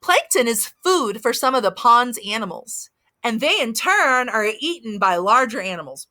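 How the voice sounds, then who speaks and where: A woman with a Southern US accent reads to little children in a high, bright voice. She talks like a teacher with a toddler, sing-song and full of simple questions, and her pitch moves up and down a great deal. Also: big pitch swings, normal speed. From American South. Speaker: early childhood teacher and story reader. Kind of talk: reading aloud to young children with commentary. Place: outdoors by a house.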